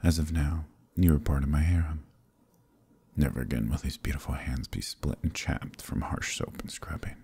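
In an ASMR audio roleplay, a man plays a suave, possessive demon prince with a very deep, gravelly, dark voice. He murmurs close to the mic in a husky, purring near-whisper, often whispering, both commanding and indulgent. The voice is exaggerated, at normal speed.

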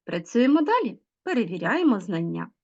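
A woman teacher giving a grammar lesson to children, explaining patiently, stressing key words slowly and asking the class questions. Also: medium pitch, sing-song, a little mellow, dull audio. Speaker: school teacher.

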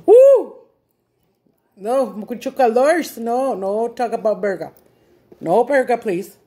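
A middle-aged vlogger with a Mexican accent speaks slowly in a warm, fairly high voice. She chats casually to viewers from home, going back and forth between Spanish and English with crude slang and lots of laughter.

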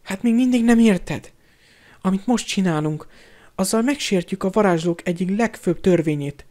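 A man's voice: sits high, darkish tone, pitched above the performer's own voice, close to an everyday voice. A man voicing an anxious, clever schoolgirl in an audiobook, pressing and lecturing. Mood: insistent.

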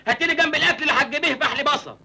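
A man's voice: very high voice, gravelly, bright, forceful tone, full character voice. An actor playing a naive, cheeky young man from the countryside arriving in the city, with an Egyptian Arabic accent. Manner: rapid, cheeky, complaining banter. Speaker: lead character. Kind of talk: comedy film acting.

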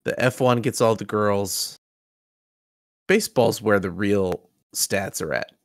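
A man's voice: fairly low pitch, slow, no echo, studio quality. A man co-hosting a casual podcast, joking wryly while his voice sounds sick. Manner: joking, wry banter. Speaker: podcast co-host.

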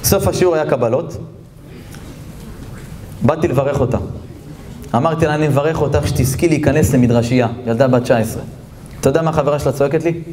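A man giving a lively Torah lesson as a rabbi, telling stories, chuckling as he talks and slowing down to stress the texts he quotes. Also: slight background noise. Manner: animated, jumps into character voices and high exclamations; chuckles while talking. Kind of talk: lively sermon with storytelling.

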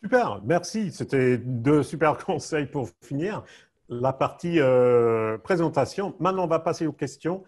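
Husky-voiced man hosting a webinar Q&A. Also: on the high side, lively intonation, a little slow, darkish tone. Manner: playful, joking between questions. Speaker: webinar host. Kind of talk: moderating a panel Q&A.

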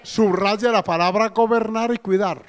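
Preaching in a church hall with a long reverb tail, a Colombian pastor speaks in a high, steady, unhurried voice. His sermon is folksy, peppered with questions to the congregation and frequent cries of "amén" and "gloria al Señor".

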